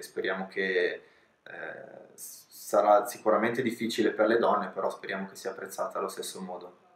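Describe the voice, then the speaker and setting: Young man, low flat voice, roomy office. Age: young adult. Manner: measured, informative, with short hesitations. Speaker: ski resort president and race director. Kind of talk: calm seated interview answers. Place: office with pennants and souvenirs on the wall, indoors.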